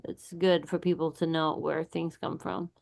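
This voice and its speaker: A woman's voice: deep voice, little pitch movement, moderate pace, gravelly, a little mellow. A woman co-hosting a podcast in casual chat. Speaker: podcast co-host.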